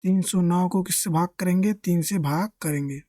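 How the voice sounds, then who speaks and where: Mellow, dry-voiced maths teacher. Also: mid-range voice, moderate pace, no room sound. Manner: asks questions and answers them himself; keeps addressing listeners as friends. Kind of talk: step-by-step maths lesson.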